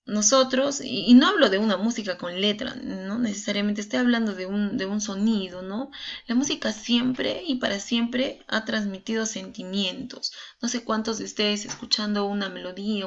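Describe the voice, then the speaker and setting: A woman's voice: mid-range voice, creaky. A woman teacher giving an online class, chatty and full of fillers and tag questions, a little nervous. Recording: dull lo-fi online class audio.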